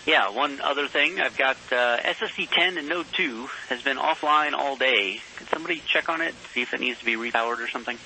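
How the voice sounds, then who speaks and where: Over a space radio link, a man serving as a mission control communicator delivers procedural yet conversational messages. His medium-pitched voice is brisk with few pauses, and there's background noise along with the space radio transmission effect.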